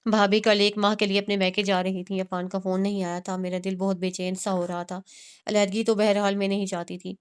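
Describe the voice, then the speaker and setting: A woman narrating a romantic novel in an even, steady reading voice. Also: medium pitch, smooth. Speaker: audiobook narrator.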